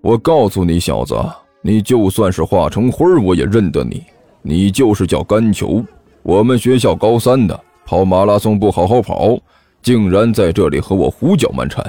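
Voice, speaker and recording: A man's voice: medium pitch, sing-song, moderate pace, warm tone, dry recording, faint music behind. A man voicing a stern school teacher who sneers and scolds. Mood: sneering. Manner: cold, sneering.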